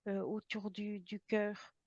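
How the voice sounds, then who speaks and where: A woman with a French accent, describing impressions in a halting way, often pausing to search for words. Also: medium pitch, flat delivery, a little mellow, no echo, highs cut off. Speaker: intuitive medium. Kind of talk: hesitant channeled description.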